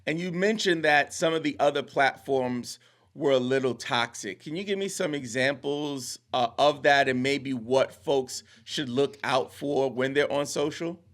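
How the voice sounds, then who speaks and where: A man's voice: medium pitch, a little slow, a bit bright. A man hosting a podcast interview, upbeat and enthusiastic as he asks questions. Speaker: podcast host. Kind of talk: casual interview.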